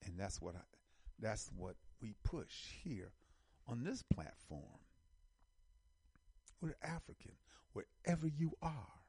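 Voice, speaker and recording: Gravelly, husky man giving emphatic commentary. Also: on the low side, big pitch swings, takes it slowly, long pauses, a little mellow, dry recording. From United States. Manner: emphatic, repeats phrases, lists building in force. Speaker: online show host. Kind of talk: casual commentary reading an article.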